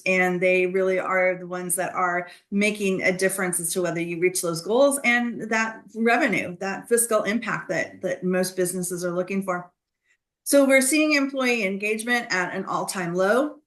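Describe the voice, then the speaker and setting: A woman's voice: mid-range voice, fairly bright tone. A woman guest speaker giving a conversational talk on employee engagement over a video call, emphatic with light laughs.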